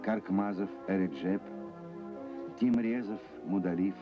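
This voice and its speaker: A man giving formal, measured scripted narration for an old newsreel. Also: deep voice. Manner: formal, measured official delivery. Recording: dull lo-fi archival film sound with music.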